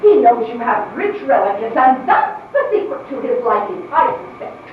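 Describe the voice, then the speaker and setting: A woman's voice: on the high side, big pitch swings, moderate pace. A woman acting a wealthy, bossy old aunt in a period drama, blunt and scolding in a haughty, exclamatory way. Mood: scornful. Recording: echoey distant muffled recording, faint noise.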